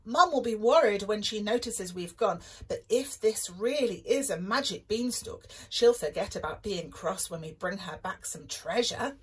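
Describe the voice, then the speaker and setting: A woman voicing a young boy who speaks eagerly, with high, clear tones. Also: lively intonation, moderate pace, hardly any pauses. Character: young boy Jack, brave then frightened.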